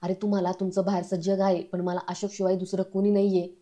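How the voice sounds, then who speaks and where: A woman reading the lines of an older man saddened by a broken friendship, in an even, mellow voice. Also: medium pitch, quick pace, natural voice. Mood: hurt. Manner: pleading.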